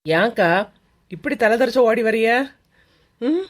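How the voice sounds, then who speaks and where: A woman with a Kanyakumari Tamil accent voicing a young village woman who calmly teases and reassures her scared companion. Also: fairly high pitch, a little slow. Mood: teasing. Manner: calm, sly, teasing.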